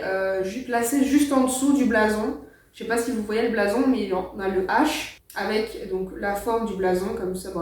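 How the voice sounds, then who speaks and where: A woman's voice: medium pitch, a little mellow. A woman hosting a casual chat, hesitant and full of "euh" fillers, laughing now and then. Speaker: host. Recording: echoey room, distant mic.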